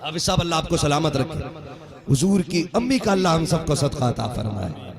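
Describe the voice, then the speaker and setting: Male preacher, high gravelly voice, sings phrases, loud crowd. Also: big pitch swings. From India. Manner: impassioned, sing-song storytelling. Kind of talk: sermon. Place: religious gathering with audience. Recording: noisy crowd at a gathering.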